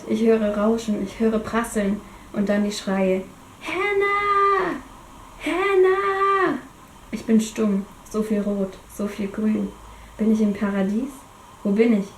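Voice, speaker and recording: A woman reading her own novel aloud in the first person, still getting over a cold, dropping to a hush in the tense moments. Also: mid-range voice, reverberant, a little hiss or hum, low-quality recording. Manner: reads dramatically, drops to a hush in tense moments. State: has a cold.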